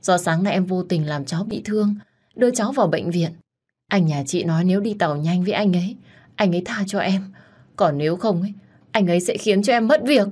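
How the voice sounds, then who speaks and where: A woman's voice: fairly low pitch, a little fast, darkish tone, husky. A woman voicing a frightened young woman teacher who pleads and cries out. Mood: pleading. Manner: pleading, tearful.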